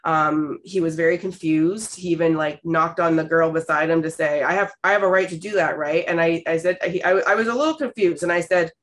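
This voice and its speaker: A woman in her thirties from Canada, hosting a podcast and telling stories in a candid, expressive way with casual swearing. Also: deep voice, a little fast, few pauses, a little hiss or hum. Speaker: podcast host. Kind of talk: casual storytelling chat.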